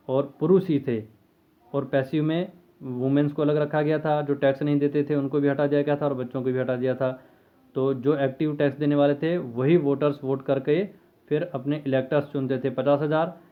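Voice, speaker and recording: A man teaching a history lesson in a conversational way, asking questions and answering them himself. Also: mid-range voice. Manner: conversational, asks and answers his own questions. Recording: tinny phone-like lo-fi audio.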